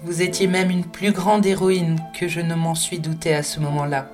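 A woman voicing a thoughtful, earnest Englishman in an audiobook, speaking in a measured, questioning way. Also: on the low side, level tone, a little mellow, soft background music, natural voice.

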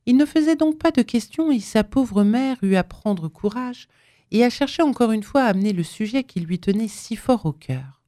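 A woman reading a classic novel aloud in measured, even narration. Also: fairly high pitch, no echo, clean studio sound. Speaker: audiobook reader. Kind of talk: scripted narration.

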